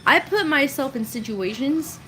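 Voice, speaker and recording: A woman's voice: sits high, expressive, normal speed, sharp tone, faint music behind, rough recording. A woman in her thirties telling rambling, chatty stories about her past on a casual live stream, often breaking into laughs. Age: 30s. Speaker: storytelling creator.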